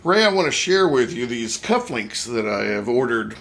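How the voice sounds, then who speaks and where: A man's voice: mid-range voice, sing-song, normal speed, fairly bright tone. A man co-hosting a casual chat show, rambling and self-deprecating with lots of restarts. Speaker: podcast co-host.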